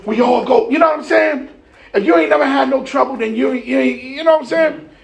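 A man preaching a lively sermon, getting excited, shouting and laughing as he explains scripture. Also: very high-pitched, a little fast, gravelly.

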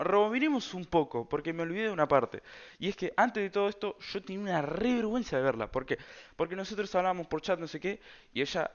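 A man's voice: a little high, lo-fi sound. A man with an Argentine Rioplatense accent telling a personal story in a casual, rambling way, full of slang and fillers. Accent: Argentine Rioplatense Spanish. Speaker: storyteller vlogger.

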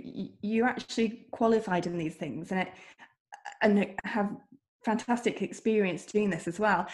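An interview host introduces her guest's credentials in a friendly, admiring way, laughing easily as she goes. She has a medium-pitched voice with a darkish tone.

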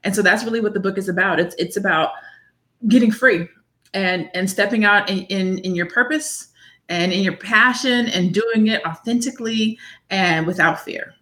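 In a casual interview, a woman in her forties appears as a guest to discuss her book, speaking at medium pitch and a normal pace. Earnest and driven by faith, she often restarts and repeats words as her excitement builds.

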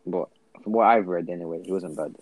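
A young adult with a low, slightly mellow voice and a London roadman accent chats briskly in a casual group conversation. He uses urban slang and often repeats his phrases.

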